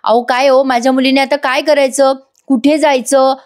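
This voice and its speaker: A loud, scheming mother who complains with theatrical shrillness, as a woman reader puts her on. Her voice sits fairly high and sounds like a storybook review read aloud. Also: level tone, normal speed, lightly acted. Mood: indignant. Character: loud scheming middle-aged mother, dramatic.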